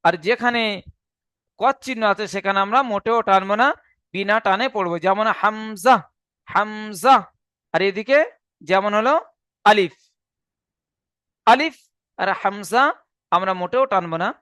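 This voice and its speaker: A man's voice: sits high, moderate pace, long pauses, pushed and bright, no echo. Patient man teaching letter sounds. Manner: patient, repeats each point and letter twice. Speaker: Quran reading teacher. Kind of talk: online class instruction.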